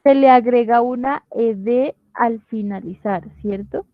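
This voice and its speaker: A woman teaching an online class, patient and methodical, stopping to check that everyone follows. Her pace is slow and her voice sits a little high. The sound is dry and dull, as over a computer call. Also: no echo. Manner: patient, explains step by step with frequent "¿listo?" checks. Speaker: English teacher. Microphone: computer mic on video call.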